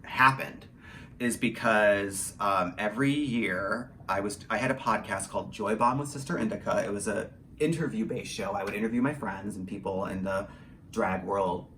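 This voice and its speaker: A man with a lowish, slightly bright voice talks at a moderate pace, chatting casually in an interview about his creative work as an audio drama writer and director. He's talkative and self-deprecating, swearing now and then. He's indoors in a small home studio, and the recording has a roomy echo and faint background noise.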